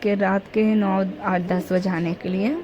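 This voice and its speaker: A woman's voice: mid-range voice, fairly even intonation, a little slow, a crowd in the background. A young woman vlogger chatting casually and rambling through a family story. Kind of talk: casual family vlog narration. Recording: faint background noise.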